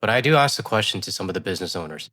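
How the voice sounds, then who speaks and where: Fast-talking congested man, low voice. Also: lively intonation, sharp tone. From West Coast of Canada. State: congested from a cold. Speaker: news commentary channel host. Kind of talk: casual commentary.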